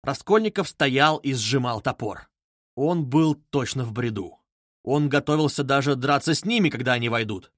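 Man with an expressive storytelling voice. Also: medium pitch, moderate pace, dry recording, studio quality. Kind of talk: literary audiobook narration.

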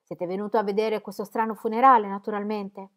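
A woman reading aloud voices a sharp-tongued society lady who gossips and teases. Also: mid-range voice, little pitch movement, close to an everyday voice. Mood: mocking. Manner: teasing, mocking, quick remarks.

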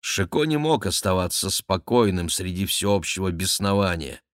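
A man reading a historical novel aloud in expressive audiobook narration, measured and close to the mic. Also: low-pitched, dry recording. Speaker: audiobook reader.

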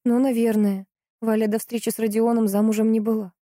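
Young worried woman, raised pitch, urgent and emotional, read by a woman, dry sound. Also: little pitch movement, a little fast, dark tone, no echo, close to an everyday voice. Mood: anxious. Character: anxious young woman, a fiancée.

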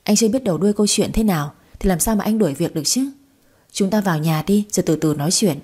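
A woman plays a calm, reasonable husband and father. He speaks evenly, in a mellow, husky voice. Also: medium pitch, fast, natural voice.

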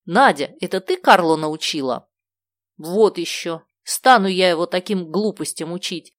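A woman voicing a brisk, decisive adult woman who speaks firmly. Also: lowish voice, animated, no room sound, studio quality. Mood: bossy. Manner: firm, commanding.

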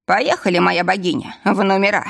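In a mid-range voice with vocal fry and fairly even intonation, a woman narrating an audiobook takes on the role of a drunk candy-factory director. Her pace is fairly quick as the middle-aged man, tipsy, hiccups and slurs his words with easy familiarity.

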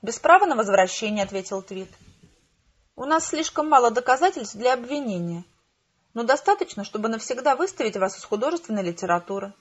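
A man's voice: very high voice, animated, fairly quick, a bit bright, highs cut off, exaggerated voice. A woman reading an audiobook, voicing a smug, hostile male bureaucrat who speaks coldly and with contempt. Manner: contemptuous, cold and accusing.

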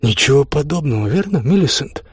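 A cruel, drunken gentleman who bellows and bullies, as a man puts him on. His voice comes rough and raised in a storybook reading. The sound is dry and close. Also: mid-range voice, sing-song, fairly quick, no room sound, voice pushed up. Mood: bullying, roaring. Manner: shouting, rough and threatening.

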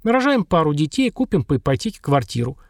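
A male reader putting on a blunt young nurse who grew up on the streets. Her voice sits higher than his own and swings lively through each line, with a gravelly edge. She talks in coarse slang and laughs things off dryly. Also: quick pace, dry recording, clean studio sound. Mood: weary. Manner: coarse slangy speech, wry chuckles. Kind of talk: audiobook dialogue.

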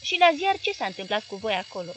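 A woman voicing an indignant middle-aged male newspaper owner who fires off sharp, exasperated questions in a raised, forceful reading voice. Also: mid-range voice, big pitch swings, slight background noise.

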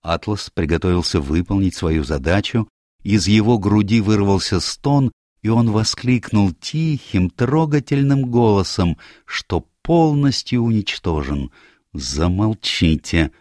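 A man narrating a detective story as an audiobook in a measured, even way. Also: lowish voice, no room sound, clean studio sound.

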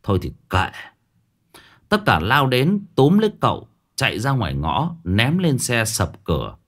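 A man narrating a ghost story in a lively, colloquial way. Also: mid-range voice, a little slow.

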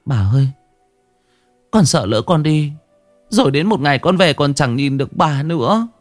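A man's voice: animated, normal speed, no room sound, soft background music, close to an everyday voice. A man voicing a frightened young bride who pleads tearfully with her grandmother. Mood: tearful pleading. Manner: pleading, tearful, raised pitch.

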